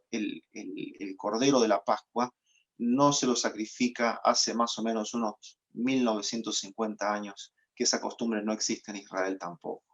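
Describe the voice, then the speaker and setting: A man's voice: lowish voice, lo-fi sound. A pastor giving a sermon in a patient, explanatory teaching tone, with frequent fillers as he explains.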